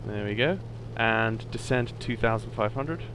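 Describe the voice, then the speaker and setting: Male sim pilot, lowish voice, easygoing and slightly hesitant commentary, with a clear engine drone behind. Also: a little slow. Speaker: flight simulator streamer playing the pilot. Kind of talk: casual running commentary with radio calls. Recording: loud engine hum behind voice.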